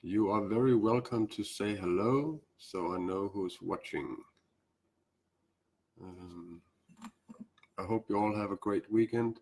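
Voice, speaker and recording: Hosting a relaxed spiritual live stream, a man from Denmark speaks accented English, his second language. His voice is lowish, husky, and darkish in tone, and he hesitates a lot, padding pauses with "uh" and "um."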